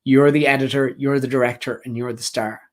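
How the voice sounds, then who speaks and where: Male career coach, mid pitch, earnest and direct, repeats key phrases, motivational live talk. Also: fairly even intonation, fairly quick. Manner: earnest, repetitive, speaks directly to the audience.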